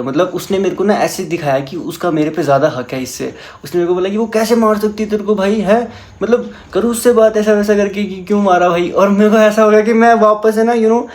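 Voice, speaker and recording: Young guy, slightly high voice, animated storytime chat. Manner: animated, mixes English into Hindi.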